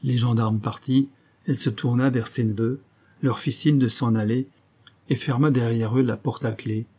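A man with a mid-range, breathy voice narrates an audiobook of a novel. His storytelling is measured and even.

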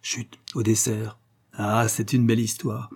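A man voicing a pompous, doddering elderly gentleman who lectures his friend with boastful, self-satisfied reasoning in a storybook reading. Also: lowish voice, level tone, measured pace.

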